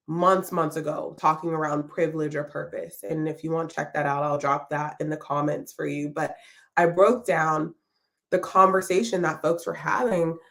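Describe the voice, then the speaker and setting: A woman with a somewhat low voice hosts a live-streamed podcast from her home. She speaks warmly and reflectively, welcoming her audience and encouraging them. Her talk is unscripted and loose, with plenty of ums and restarts. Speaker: podcast host.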